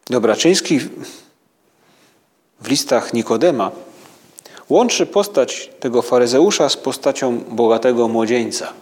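Guy giving a slow spiritual meditation, halting and reflective, middle pitch. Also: darkish tone. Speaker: preacher.

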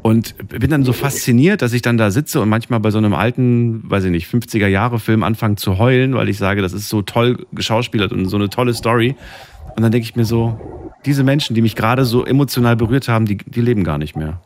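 A man's voice: lowish voice, fairly quick, a little hiss or hum. A man hosting a casual talk, musing thoughtfully and steering the conversation. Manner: reflective, animated talker who leads the conversation. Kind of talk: casual chat.

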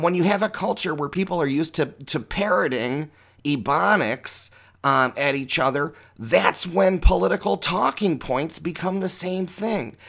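A man's voice: fairly high pitch, creaky, a bit bright. A middle-aged man hosting a podcast as a drag queen, giving a rambling, tangential, profane monologue. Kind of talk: opinionated monologue.

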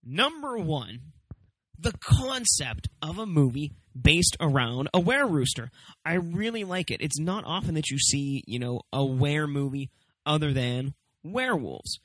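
A man's voice: a little high, lively intonation, a little slow, a bit bright, no room sound, low-quality recording. A man hosting a casual, comedic review, talking emphatically and swearing freely as he stresses his points. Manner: emphatic, profane, swooping for stress. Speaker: movie review show host.

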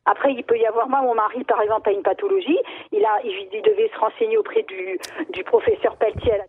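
A woman's voice: fairly high pitch, animated, fast talker, creaky, husky. A woman on a phone call, hesitant and stumbling over her words. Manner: hesitant, then amused. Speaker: caller. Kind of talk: phone conversation. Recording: muffled phone line.

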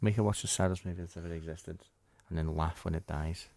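A man's voice: low-pitched, fairly even intonation, quick pace, gravelly, a little mellow, no echo. A man co-hosting a podcast in casual banter, teasing and mock-threatening his friend. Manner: teasing, mock-threatening, puts on silly voices. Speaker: podcast co-host.

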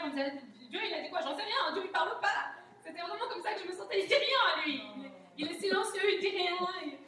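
A woman's voice: extremely high pitch, a bit bright. A woman giving an informal sermon at a church, speaking candidly and often acting out her own past thoughts. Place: church hall, recorded from a distance. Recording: echoey hall, distant mic, faint noise.

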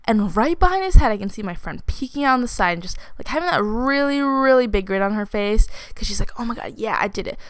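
A woman's voice: a little high, animated, brisk, few pauses, clear, resonant tone, no echo. A woman in her twenties telling a personal story in a casual, chatty way, with lots of "like" fillers and laughs slipped in. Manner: chatty, many "like" fillers, laughs while talking.

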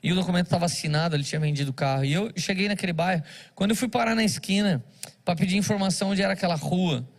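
A pastor delivering a sermon, a man whose fairly high voice carries a gravelly edge. He tells stories and acts out each person's lines as he goes. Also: very fast. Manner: storytelling with acted-out dialogue.

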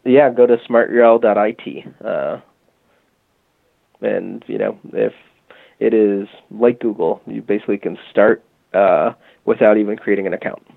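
Over a tinny, phone-like line with dry sound and no echo, a man with a low, gravelly voice talks at normal speed in a steady tone. He's a guest from a music marketing company, chatting casually in an interview, giving long explanations and often restarting sentences with fillers.

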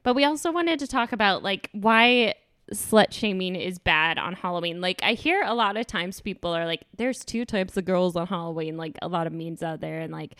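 A woman's voice: lowish voice, normal speed, fairly bright tone, clean tone, no room sound. A young woman co-hosting a podcast, easygoing and giggly, talking casually with lots of fillers. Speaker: podcast co-host. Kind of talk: casual chat.

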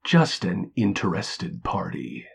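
A very slow, menacing voice through a phone filter, a man playing an anonymous caller in a noir radio play. The tone is deep and heavily gravelly, with drawn-out words and a husky edge. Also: big pitch swings, full character voice.

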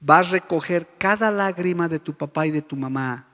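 A middle-aged pastor preaches with fervent conviction. His voice sits a little high for a man, and long reverb trails each phrase through the church hall. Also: normal speed, a bit bright. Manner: fervent preaching, often calls out "brother". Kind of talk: sermon.

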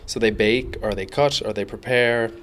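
A man's voice: on the low side, steady tone, moderate pace, fairly bright tone, slight background noise. A man explaining things as an interviewee. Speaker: food business founder interviewed.

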